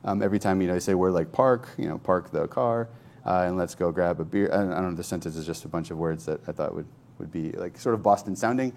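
A man casually demonstrating software on screen, thinking aloud in a loose, conversational way. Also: deep voice, rapid-fire, vocal fry, few pauses. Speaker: software developer demoing a tool. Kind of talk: informal screen-share tech demo.

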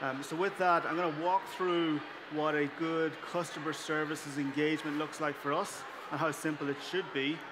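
A man giving a podium speech at a conference demo, measured, with pauses inside his sentences. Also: on the high side, flat delivery. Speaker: company founder presenting a demo. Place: on stage at a live event. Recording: noisy live stage sound.

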